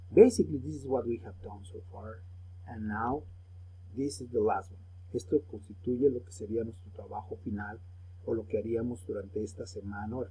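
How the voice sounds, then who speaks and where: A man teacher, his voice deeply husky and mellow in tone. He guides a recorded remote lesson patiently, step by step, saying phrases twice so pupils can repeat after him. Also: low-quality recording.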